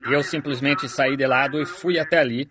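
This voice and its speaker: A man's voice: mid-range voice, steady tone, crowd noise. Man preaching over a congregation. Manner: storytelling, then slow earnest prayer. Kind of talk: sermon testimony and prayer.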